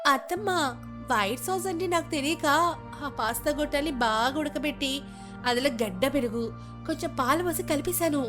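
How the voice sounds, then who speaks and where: Chirpy naive young village bride, high eager voice, a woman doing it, music behind. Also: lively intonation, normal speed. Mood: cheerful. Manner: bright, eager, chatty. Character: cheerful naive young village daughter-in-law.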